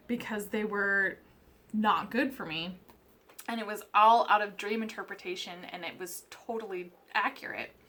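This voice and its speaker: Slow-talking chatty young woman. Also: mid-range voice, a bit bright. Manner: chatty, rambling, many likes and ums, laughs often; upbeat Valley girl way of talking. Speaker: tarot channel host. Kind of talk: casual chat to camera.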